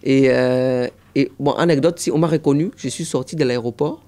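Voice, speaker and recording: With a mid-range voice and a moderate pace, the young man guesting in a casual interview tells animated stories. As an impressionist, he occasionally breaks into voices and accents.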